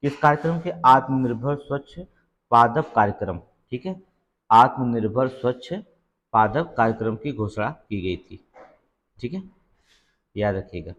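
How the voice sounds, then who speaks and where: The audio is dull as a man with a fairly bright, medium-pitched voice teaches exam prep at normal speed, with lively intonation and long pauses. He reads the quiz questions, says every answer twice, and keeps checking in with "theek hai."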